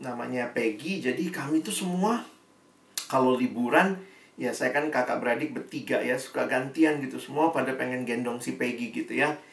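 A man preaching a sermon to young adults, animated, acting out dialogue and swinging between loud emphasis and quiet asides. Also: medium pitch, moderate pace, vocal fry. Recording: roomy hall, from a distance.

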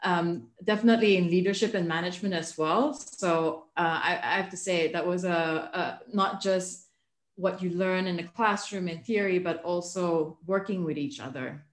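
A woman in her thirties from Malaysia, a book author answering interview questions in a thoughtful, measured way with frequent fillers. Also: lowish voice, echoey room. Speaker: guest, author. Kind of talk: remote interview.

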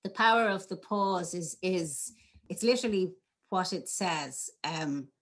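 A woman, a drama teacher talking through classroom exercises in an interview, animated and playful. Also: on the low side, measured pace. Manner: animated, demonstrates lines in varied voices. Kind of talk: conversational interview.

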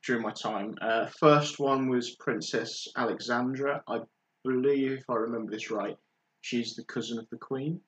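A man's voice: mid-range voice, steady tone, moderate pace, low-quality recording. A young man, a podcast guest, tells a story in casual chat, stopping often on fillers. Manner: hesitant storytelling with many fillers.

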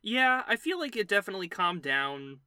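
Young guy podcast co-host, very bright tense tone, dry close mic, casual joking. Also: high voice, very animated, normal speed, clear, resonant tone, no room sound. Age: 20s. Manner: laid-back, joking, loose phrasing with fillers. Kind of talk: casual chat.

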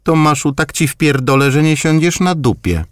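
A man's voice: a little high, expressive, moderate pace, dry recording, studio quality, pitched above the performer's own voice, lightly acted. A man voicing a testy grandmother near eighty. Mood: threatening. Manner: testy, crude, curt. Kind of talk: audiobook reading.

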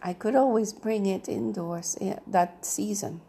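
A woman's voice: mid-range voice, a little slow, gravelly, warm tone, slight background noise. A woman reading the part of a reserved, obstinate retired male banker who speaks hesitantly and politely.

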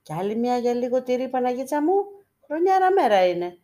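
A woman's voice: fairly high pitch, very animated, dark tone, voice pushed up. A woman voicing a poor village man who coaxes and pleads for coins before church icons. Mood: wheedling. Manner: pleading, coaxing with endearments.

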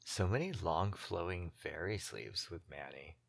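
A woman's voice: a bass voice, animated, unhurried, gravelly, breathy edge. A woman co-hosting a podcast, chatting casually and wryly as she recaps a TV episode and laughs often. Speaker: podcast co-host.

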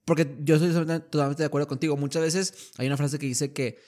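Fast-talking man, slangy. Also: a little high, steady tone, a little mellow. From northern Mexico. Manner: slangy, peppers talk with "güey". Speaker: podcast host. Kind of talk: casual podcast chat.

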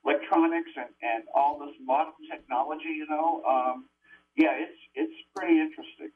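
An older man phones in as a guest exorcist, his voice thin and tinny as if squeezed through a cheap headset on a phone call. He sits back from the mic, so he sounds faraway. His speech is earnest and halting, with lots of fillers and restarts. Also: on the high side, fairly even intonation. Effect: tinny, distant phone line like a headset mic. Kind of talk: call-in radio interview. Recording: tinny phone line heard from far off.

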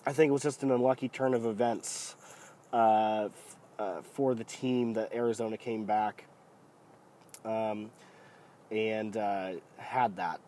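A man with a head cold that deepens his voice, giving casual, rambling, opinionated solo football commentary as a podcast host, often hesitating. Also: steady tone, moderate pace, mellow, a little hiss or hum. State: sick with a cold.

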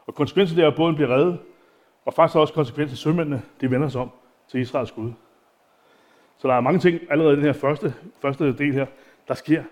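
A man's voice: on the high side, darkish tone. A man delivers an informal sermon in a church. He talks in a chatty, self-deprecating way, with plenty of fillers and restarts between his readings. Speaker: preacher.

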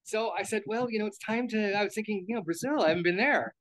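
An older man from the United States talks quickly in a high, fairly bright voice during a casual interview. He rambles, tripping over repeated words and starting his sentences over.

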